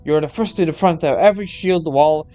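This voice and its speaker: Stern, admonishing woman knight, halting delivery, game-story mentor voiced by a male reader. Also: fairly high pitch, warm tone, soft background music, close to an everyday voice. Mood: stern, reproachful. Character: Adelheid, stern self-critical female knight mentor. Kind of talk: game story read aloud.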